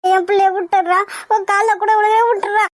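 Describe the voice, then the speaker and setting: A woman's voice: very high-pitched, flat delivery, fast talker, a little hiss or hum. A frantic, pleading cartoon mother. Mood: cursing. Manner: pleading, cursing, distressed. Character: anxious mother protecting her daughter.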